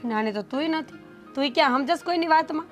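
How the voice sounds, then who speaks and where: A woman's voice: high-pitched, fast talker, faint music behind, lightly acted. A woman playing a reproachful elder sister who scolds her stubborn younger sibling. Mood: scolding. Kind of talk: family drama acting.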